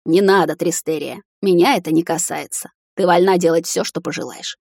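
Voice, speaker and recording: This is a stern, cold male hunter in an audiobook, his words clipped and short, read by a woman in her own lowish voice. The recording is dry and close, with no room sound behind it. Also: steady tone, a little fast, vocal fry, darkish tone, breathy edge, no room sound.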